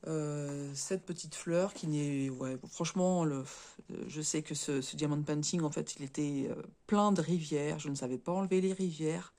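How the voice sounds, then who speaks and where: A woman with a cold talks through a casual show-and-tell vlog, her voice a little hoarse, stuffy and short of breath. She speaks haltingly, stumbling over words, restarting sentences and tagging them with little fillers. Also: low voice, a little mellow. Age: adult, married. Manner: chatty, tags sentences with "hein". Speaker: crafts vlogger.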